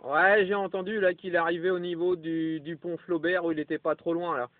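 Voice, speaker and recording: Over a CB radio transmission with narrow, tinny two-way audio and heavy background noise, a man chats casually as a radio amateur. His voice is a little high, level, and fairly quick, and he rambles, tacking little tags onto his phrases.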